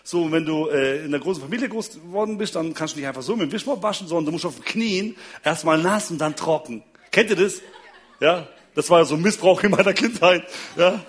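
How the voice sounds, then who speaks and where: Speaking a little high and fairly quickly, a relationship speaker entertains an audience with stories of his wife and kids. He chuckles often and regularly checks in with the people listening.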